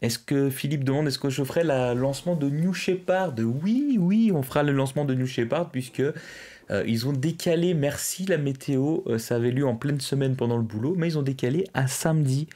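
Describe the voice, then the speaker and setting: A man's voice: mid-range voice, a little fast, dark tone. A young man hosting a live stream, casually chatting and reading out viewers' messages. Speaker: livestream host. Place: indoors, at a streaming desk.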